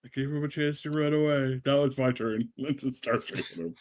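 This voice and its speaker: A man's voice: medium pitch, moderate pace. A man playing a tabletop game with casual banter.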